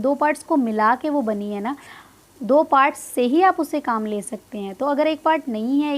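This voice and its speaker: High-pitched female tutor with an Indian English accent; explains pronunciation in mixed Hindi and English, repeating model words slowly. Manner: slow, drawn-out model words, repeated for learners; mixes Hindi with English phrases. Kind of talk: spoken language lesson.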